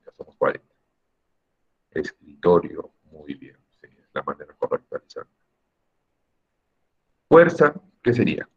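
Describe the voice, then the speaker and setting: Through a computer microphone on a video call, a man's low, slightly rough voice comes across muffled as he leads an online class on Spanish grammar. He explains things patiently, one step at a time, and asks the students questions.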